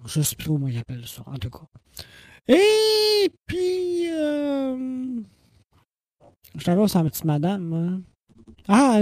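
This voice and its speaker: A man's voice: fairly high pitch, dark tone, dry recording, clean studio sound. A man with a Quebec French accent hosting a casual late-night podcast monologue into a microphone, rambling, hesitant and casually swearing. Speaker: podcast host.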